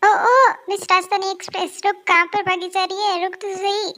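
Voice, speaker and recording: A woman's voice: extremely high pitch, little pitch movement, sharp tone. A woman voicing an eager young male assistant. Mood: teasing. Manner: eager and hurried, teasing.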